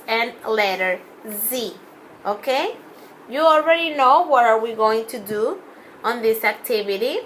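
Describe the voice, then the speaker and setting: Slow, bright-voiced woman teaching phonics. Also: a little high, a little hiss or hum, poor audio. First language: Spanish. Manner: slow, drawn-out phonics teaching with counting and repeated words. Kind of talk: children's class video lesson.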